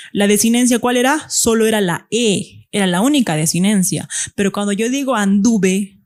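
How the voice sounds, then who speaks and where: A woman's voice: mid-range voice, darkish tone. A woman teacher giving a classroom grammar lesson, explaining step by step and often checking that the students follow.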